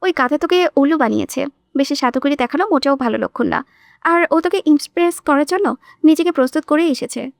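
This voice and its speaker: A jealous, hot-tempered young man snaps in short, scornful lines, as a woman narrator puts him on. The voice sits fairly high and sounds dry and close. It is an audiobook drama. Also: lively intonation, a little fast, creaky, no room sound. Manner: curt and scornful.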